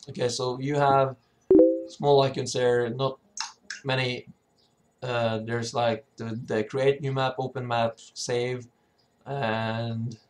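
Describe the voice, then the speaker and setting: A man who sounds sick, with a cracking voice, giving an informal, hesitant software tutorial. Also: mid-range voice. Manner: hesitant, often stumbling and throat-clearing. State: sick, sore voice. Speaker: tutorial presenter, level designer.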